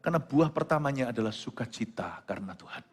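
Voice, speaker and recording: Male pastor mid-sermon, animated delivery from hushed to loud, reverberant hall. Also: medium pitch, fast, slightly rough. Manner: switches between quiet storytelling and loud exclamations; mixes English phrases into his preaching. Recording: long hall reverb with faint music.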